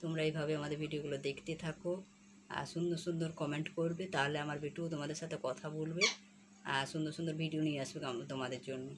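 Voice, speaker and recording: A woman chats casually to viewers from her kitchen, filming on a phone while she coaxes her pet parrot in high baby talk. Her throat is a little sore. Steady noise sits under the home recording. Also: fast talker. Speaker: pet vlogger. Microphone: phone camera.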